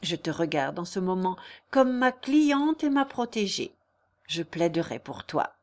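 An earnest young lawyer from a classic novel, tender and solemn as he pleads and reassures, read aloud by a woman. The voice stays mid-pitched and gentle, close to a natural storybook reading. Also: lightly acted.

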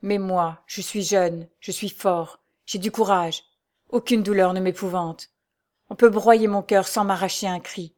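A woman's voice: mid-range voice, fairly even intonation, measured pace, a little mellow, lightly acted. A woman reading the part of a young nobleman, ardent and pleading, pressing with urgent questions.

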